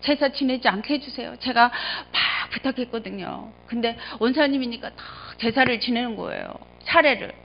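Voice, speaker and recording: A middle-aged woman pastor preaches with fervor, her voice pitched somewhat high. She swings from loud exclamations to hushed, low remarks as she tells her stories. The sound is dull and lo-fi. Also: moderate pace, hardly any pauses. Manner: emotional storytelling, swings between loud exclamations and quiet low asides. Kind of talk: sermon.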